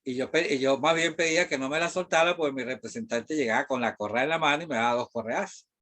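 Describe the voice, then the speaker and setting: Talking fast in a bright, forceful, medium-pitched voice, a middle-aged Venezuelan math teacher chats loosely with his class. His Venezuelan Spanish wanders, packed with fillers and the odd mild curse.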